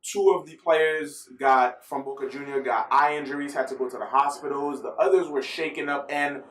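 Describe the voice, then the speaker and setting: A man's voice: on the high side, steady tone, normal speed, a bit bright, roomy sound, recorded from a distance, a little hiss or hum. Chatty man vlogging football news. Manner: chatty, rambling, self-correcting. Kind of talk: casual football news vlog. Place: filmed at home in the US.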